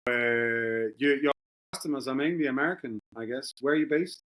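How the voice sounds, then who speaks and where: A male podcast host talks in a loose, casual way at a middle pitch. He stops and restarts often and fills his pauses with filler sounds. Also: fairly bright tone, rough recording. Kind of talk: podcast interview.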